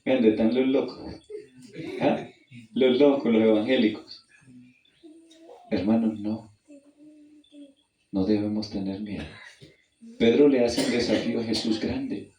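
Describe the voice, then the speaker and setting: In an unhurried evangelistic sermon with long pauses and fairly even intonation, a man recounts a personal story, calls the audience brother, and questions them. His voice rises from hushed and low to loud and high for the scripture reading, captured on a roomy, distant mic.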